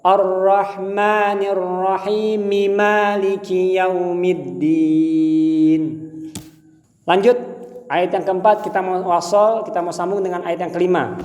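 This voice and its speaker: High-voiced Indonesian man, over-enunciating, heavy reverb. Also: fairly even intonation, a little mellow. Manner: deliberate, over-enunciated articulation of each syllable. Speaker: Quran recitation teacher. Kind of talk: instructional lesson with slow demonstrated recitation. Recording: echoey, long hall-like reverb.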